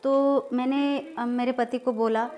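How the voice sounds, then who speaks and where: A woman in her thirties vlogging, telling a personal story in a rambling, hesitant way with many filler words that turns agitated and loud. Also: sits high, steady tone, takes it slowly, soft background music. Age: 30s. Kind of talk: casual storytelling vlog.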